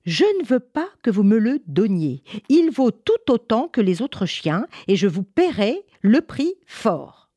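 A woman's voice: mid-range voice, very animated, unhurried, mellow, no echo, pitched above the performer's own voice. A woman doing an eager little boy in a storybook. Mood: earnest. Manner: earnest, eager pleading. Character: brave little boy with a limp.

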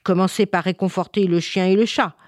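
A woman's voice: medium pitch, steady tone, fairly quick, dry recording, clean studio sound, lightly acted. A woman voicing a panicked mother who scolds her children in a storybook tale. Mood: scolding. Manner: exclamatory, rising questions.

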